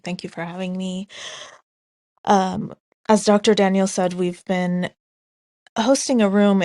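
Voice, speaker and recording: A woman's voice: fairly low pitch, a little mellow, dry recording, clean studio sound. A woman from Iran speaking in an online audio chat room, earnest and casual, with frequent ums and restarts. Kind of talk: casual spoken remarks.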